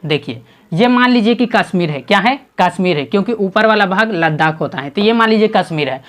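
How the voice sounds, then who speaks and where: A man's voice: high-pitched, animated, fairly quick, a bit bright. A man teaches an exam-prep lesson while sketching a map. He poses a question, answers it himself and repeats the answer again and again so students remember it. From Bihar, India. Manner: asks quiz questions and answers them himself, drills by repeating.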